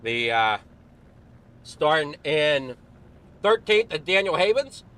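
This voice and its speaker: High-voiced man calling a sim race. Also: sing-song, takes it slowly, a bit bright. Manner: casual, apologetic, slightly rambling. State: a little out of breath. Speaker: sim racing commentator. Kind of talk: race broadcast commentary.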